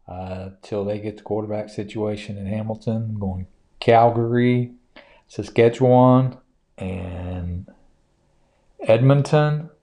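Man, host, casual sports chat, low mellow voice, hesitant with fillers. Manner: hesitant, many fillers and restarts. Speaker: podcast host.

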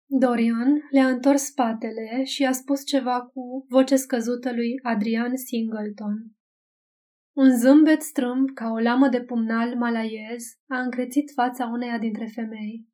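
Mellow-voiced woman narrating a novel. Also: fairly high pitch, steady tone. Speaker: audiobook narrator. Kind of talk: scripted literary narration.

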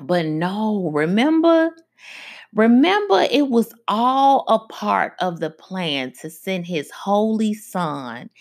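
A woman hosting a faith-based radio talk, preaching conversationally and slowing down for emphasis. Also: fairly low pitch, a little mellow. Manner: conversational preaching, slows down for emphasis, frequent asides. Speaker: radio show host.

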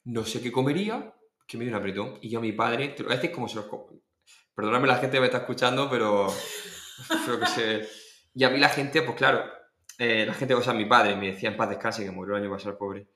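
Man, Murcian Spanish accent, lively anecdote-teller, mid pitch, echoey room. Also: quick pace. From Spain. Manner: animated anecdote-telling, acting out voices with laughs. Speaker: guest singer. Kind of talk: casual storytelling in a podcast interview.

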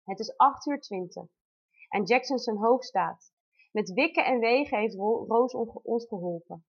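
A woman's voice: fairly high pitch, expressive, measured pace, breathy edge. A woman in her thirties reading aloud a heartfelt personal letter about giving birth, in an intimate, tender way. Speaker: mother telling her birth story. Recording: dull lo-fi recording.

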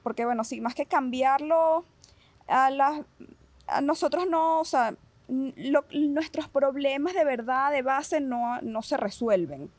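A woman with a Venezuelan accent speaks as a guest psychologist in a relaxed podcast chat. Her voice sits somewhat high and the sound is dry and close. She explains things patiently and keeps checking that her listeners are following. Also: unhurried, no room sound. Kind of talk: explaining in a casual podcast conversation.

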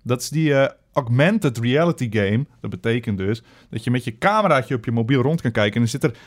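A man's voice: medium pitch, lively intonation, a little fast. A man hosting a casual gaming podcast, upbeat and chatty with frequent hesitant fillers. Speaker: podcast host.

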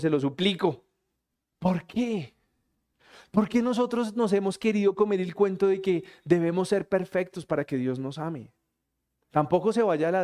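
High-voiced pastor preaching playfully. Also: male voice, darkish tone. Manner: playful, acts out little scenes in quick quoted voices. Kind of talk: lively sermon. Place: church hall with a congregation.

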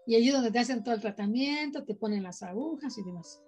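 A woman's voice: fairly high pitch, lively intonation, fast talker, darkish tone, breathy edge, soft background music. A woman with a Mexican accent telling a personal story in casual chat, animatedly acting out the voices of people she quotes. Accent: Mexican Spanish. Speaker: podcast guest sharing paranormal experiences.

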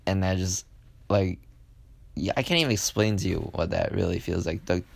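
A man's voice: low-pitched, normal speed, gravelly, dry recording. A young man casually telling a personal story on a podcast, rambling with lots of fillers and acting out what people said. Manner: rambling, with many fillers and acted-out quotes.

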